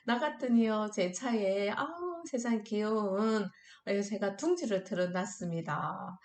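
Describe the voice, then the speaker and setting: A middle-aged woman teaching an online anti-smoking class to high school students. She coaxes her students along in an upbeat way and leads them in shouted chants and clapping games. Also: unhurried, echoey room. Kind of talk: online classroom lecture with group exercises.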